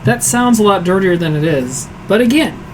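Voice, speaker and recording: A hoarse-voiced man runs a casual cooking livestream from his kitchen at home, talking fast and at a high pitch, full of animation. He's chatty and pokes fun at himself, answering viewers out loud while he cooks, with a noisy background behind him.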